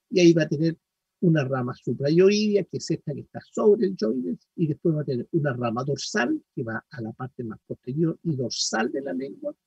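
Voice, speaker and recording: A middle-aged man lectures students, walking them through each point and checking that they follow. His voice sits fairly high and sounds a little husky. It comes across dry and muffled, picked up from a distance. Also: a little mellow, dry recording. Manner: explanatory, peppered with "¿no es cierto?" and "¿ya?". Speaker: anatomy lecturer. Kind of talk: university lecture.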